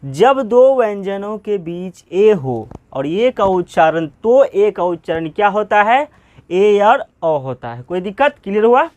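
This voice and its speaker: A man teaching pronunciation, asking questions and answering them himself, spelling words out slowly letter by letter. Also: high-pitched, big pitch swings, darkish tone, no echo. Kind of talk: Hindi classroom-style lesson.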